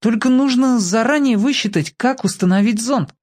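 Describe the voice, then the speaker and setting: A man's voice: extremely high pitch, moderate pace, pitched above the performer's own voice. A man reading a storybook aloud, voicing a dreamy young boy who loves the stars and explains his plans earnestly. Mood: eager explaining.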